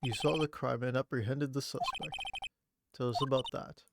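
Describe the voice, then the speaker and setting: A man's voice: medium pitch, moderate pace, gravelly, very noisy, lightly acted. A man voicing a formal, courteous old male judge from a courtroom video game, in a stately manner. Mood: commanding. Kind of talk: video game character read-aloud. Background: loud game music.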